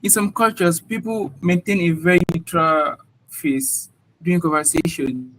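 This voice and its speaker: Young Nigerian-accented man, interviewee, slightly high voice, hesitant, casual. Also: lively intonation, measured pace, fairly bright tone, slight background noise, low-quality recording. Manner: hesitant, searching for words.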